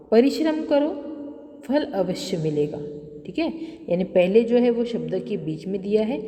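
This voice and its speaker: A woman's voice: fairly low pitch, dark tone, big-room sound. A woman teacher giving a grammar lesson to schoolchildren, reading out example sentences with stress.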